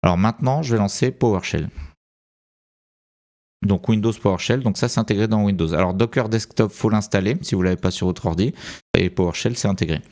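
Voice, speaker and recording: A man's voice: fairly low pitch, fairly quick, darkish tone. A man with a French accent talking through a screen-recorded tutorial, thinking aloud and hesitating with many fillers. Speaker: tutorial presenter.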